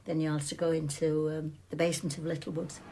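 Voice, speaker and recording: An older woman talks in a rambling, chatty way, as if telling a story over tea. Her voice sits a little low for a woman. She is being interviewed as a former shop supervisor. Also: flat delivery, fast, gravelly, mellow. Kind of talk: conversational interview recollection.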